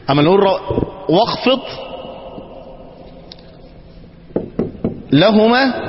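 An Egyptian man with a high voice leads a grammar lesson, coaxing his students along and checking again and again that they follow. He is recorded in a reverberant hall. The sound is dull, with faint background noise. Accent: Egyptian Arabic. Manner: checks often with the class, coaxing. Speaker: Arabic grammar teacher. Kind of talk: classroom lesson. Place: mosque teaching hall.

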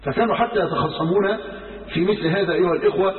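A man with an Egyptian Arabic accent preaching a sermon, telling stories in a lively way and acting out the quoted speech. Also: high-pitched, very fast. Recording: roomy hall from far off, phone-like sound.

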